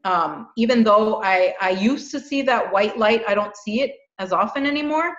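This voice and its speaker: Expressive and moderately paced, this fairly bright mid-range voice belongs to a middle-aged spiritual podcast co-host. She talks with earnest animation in a relaxed spiritual conversation, repeating herself often, in an echoey room with dull, lo-fi audio.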